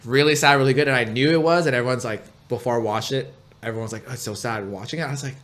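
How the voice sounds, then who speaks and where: A man's voice: mid-range voice, rapid-fire, fairly bright tone. Chatty young man, laughing co-host. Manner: chatty, rambling, laughs often. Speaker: podcast co-host. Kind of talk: casual chat.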